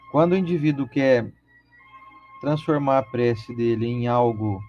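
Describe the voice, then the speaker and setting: A Brazilian man co-hosting a spiritist study, explaining calmly with pauses and restarts. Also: medium pitch. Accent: Brazilian Portuguese. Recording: dull lo-fi sound, faint music.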